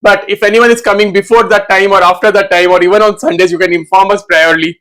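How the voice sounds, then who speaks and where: High-pitched, quick salesman. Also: pushed and bright, clean tone. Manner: repetitive, listing product details in short phrases. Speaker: wholesale shop owner. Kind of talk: sales pitch, product demonstration.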